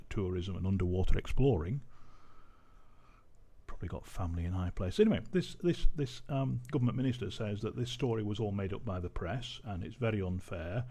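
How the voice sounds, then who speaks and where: Amused man with a lively voice. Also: fairly low pitch, slightly rough. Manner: amused, keeps breaking into laughter. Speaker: vlogger. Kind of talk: casual commentary reading a news article.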